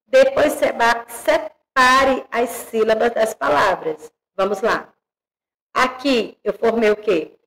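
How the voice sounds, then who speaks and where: Brazilian woman, primary teacher, very slow, slightly high voice, syllable by syllable. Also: a bit bright, poor audio. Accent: Brazilian Portuguese. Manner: spells out syllables slowly, checks in with "tá?" and "certo?". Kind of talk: slow, careful teaching to young children.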